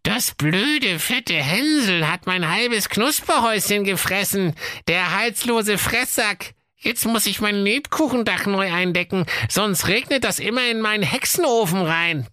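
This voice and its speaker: A man's voice: high-pitched, lively intonation, unhurried, bright, forceful tone, dry recording, studio quality, pitched above the performer's own voice, full character voice. A man voicing a grumpy old hunchbacked witch in a comic storybook reading, with a scolding, grumbling manner.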